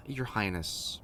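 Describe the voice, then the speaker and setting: A man playing a devoted, fussing servant to royalty in an audio roleplay, speaking in a deferential, fretful, halting way. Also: lowish voice, fairly bright tone, slight background noise. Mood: distressed urging.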